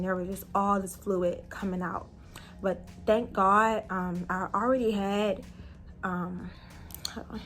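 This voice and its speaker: A young woman in a relaxed storytime vlog, talking fast and loosely with lots of "like" and "um". Her voice sits at an ordinary middle pitch. A little music plays softly behind her. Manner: chatty, animated retelling with many fillers and laughs. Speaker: vlogger telling a personal story. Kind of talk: casual storytime.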